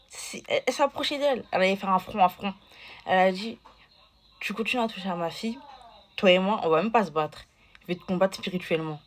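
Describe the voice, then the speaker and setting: A woman's voice: low-pitched, a little hiss or hum. A woman telling a casual story to camera, chatty and digressive, full of fillers and asides.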